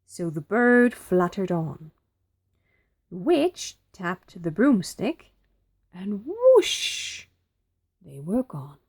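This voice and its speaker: Slow, expressive woman reading aloud. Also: lowish voice, husky. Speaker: storybook reader. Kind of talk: children's picture book read-aloud.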